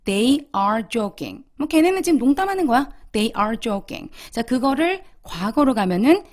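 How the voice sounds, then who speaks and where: A woman English teacher giving a language lesson, drilling example sentences slowly for listeners to repeat. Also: fairly high pitch, very animated, a little mellow.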